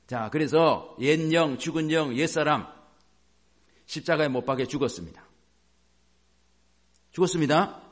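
A man's voice: a little high, a little slow, long pauses. A male pastor preaching a sermon, acting out inner self-talk as he goes.

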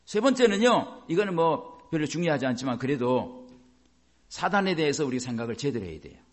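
Lively, animated male pastor preaching. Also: a little high, brisk. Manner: asks the congregation rhetorical questions; acts out little dialogues in changing voices. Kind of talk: sermon.

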